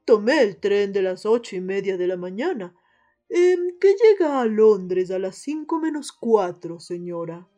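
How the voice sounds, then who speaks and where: A woman playing a polite, hesitant English gentleman in a radio play, speaking formally with pauses. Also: medium pitch, very animated, pitched below the performer's own voice. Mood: polite puzzlement. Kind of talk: radio theatre acting.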